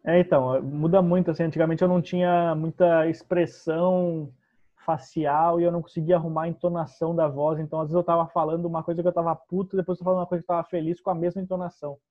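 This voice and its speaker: A young man from southern Brazil, a stand-up comedian talking casually and quietly about his path to the stage. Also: a little high, fast, dull audio. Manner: relaxed, soft-spoken storyteller. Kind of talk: casual podcast conversation.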